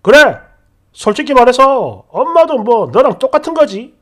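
A woman voicing an angry, prideful husband who shouts and scolds in a retold story. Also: sits high, big pitch swings, normal speed. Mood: defiant.

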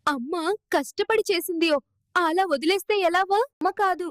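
A woman voicing a cheeky, quick-tongued young rat in a cartoon. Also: extremely high pitch, a bit bright, no echo, studio quality, voice pushed up. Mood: pleading. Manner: sassy, talks back. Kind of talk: cartoon voice acting.

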